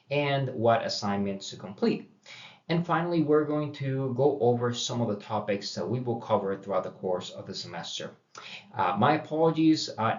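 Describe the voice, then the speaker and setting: A middle-aged man from Puerto Rico introducing a university course, talking casually with many fillers and restarts. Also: mid-range voice. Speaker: university instructor. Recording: dull roomy audio from a distance.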